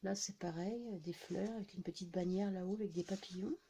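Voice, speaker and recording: A woman with a soft, mellow voice chats casually through a haul of craft supplies. She talks at an easy, unhurried pace and fills her sentences with little hesitations and tag words. Her voice is warm and relaxed, never sharp. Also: mid-range voice, a little hiss or hum. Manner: chatty, many fillers and "hein" tags. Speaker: scrapbooking vlogger. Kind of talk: casual haul show-and-tell.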